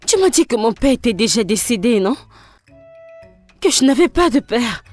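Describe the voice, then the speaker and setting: An anxious, pleading young daughter in a dubbed film. Her voice sits high and moves a lot. Soft music runs underneath. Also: very animated, moderate pace. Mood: worried. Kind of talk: French film dub.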